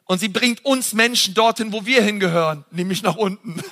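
A man preaching a sermon, passionate and emphatic, talking straight to his listeners in a casual way and swinging between loud and soft. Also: high-pitched, a little fast. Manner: casual, direct address to the audience.

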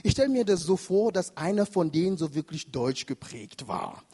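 A man preaching a sermon with passion, swinging between shouts and near whispers. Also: sits high, very animated, normal speed, husky. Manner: impassioned, swings from shouting to hushed. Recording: long reverb of a large hall.

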